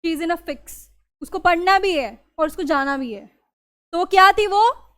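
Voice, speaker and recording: A woman's voice: very high-pitched, animated, measured pace, a bit bright. A woman teacher, giving a classroom grammar lesson and often checking whether the students understand. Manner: mixes Hindi and English, keeps asking the class if it is clear.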